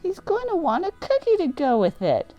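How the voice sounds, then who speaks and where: A woman's voice: extremely high pitch, huge pitch swings, normal speed, highs cut off, faint music behind. A woman reading a children's book aloud, informally adding her own casual comments as she goes. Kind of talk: read-aloud storytelling with casual asides.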